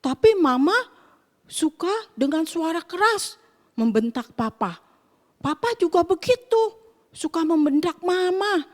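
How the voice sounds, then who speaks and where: A woman voicing a sad little child close to tears, speaking in a plaintive, halting way. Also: very high-pitched, expressive, big-room sound.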